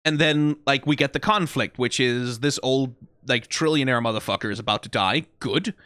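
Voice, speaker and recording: A man's voice: medium pitch, moderate pace, fairly bright tone, clean tone, dry recording, clean studio sound. A man hosting a reaction video, giving rambling, analytical criticism full of "like" and "right?" with a wry, profane edge. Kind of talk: casual critical commentary.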